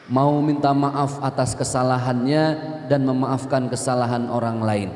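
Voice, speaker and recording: A man's voice: mid-range voice, a little mellow. A man preaching to a congregation in a chatty way, joking with the crowd and asking them questions. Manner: chatty, jokes with the audience, asks them questions. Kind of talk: lively religious talk to a congregation. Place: gathering hall. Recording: echoey hall with long reverb.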